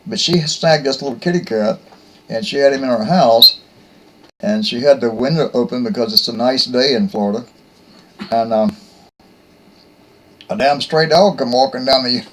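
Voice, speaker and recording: A man hosting his own show, telling a rambling story in a folksy, rough-spoken, joking way. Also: mid-range voice, poor audio. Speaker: host. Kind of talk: casual rambling monologue.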